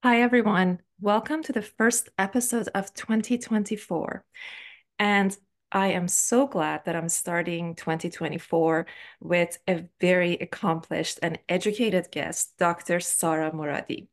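A woman's voice: on the low side, steady tone, a little slow. A woman hosting a podcast, welcoming her guest enthusiastically and asking questions. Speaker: podcast host.

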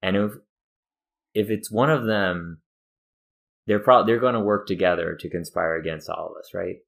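A man's voice: low-pitched, moderate pace, creaky, fairly bright tone. A man in an improvised comedy murder mystery, talking in a hesitant, rambling way. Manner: hesitant, rambling, full of fillers. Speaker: improv player. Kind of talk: improvised comedy role-play.

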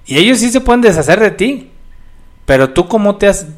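A man's voice: high-pitched, sing-song, a little fast. A man, co-hosting a casual talk show, explaining points and adding jokey asides. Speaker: podcast co-host. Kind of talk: casual chat.

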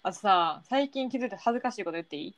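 表情豊かに話す関西弁の女性. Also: female voice, mid-range voice, very fast, a little hiss or hum. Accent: Kansai Japanese. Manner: animated, playful banter. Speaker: podcast co-host. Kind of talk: casual chat.

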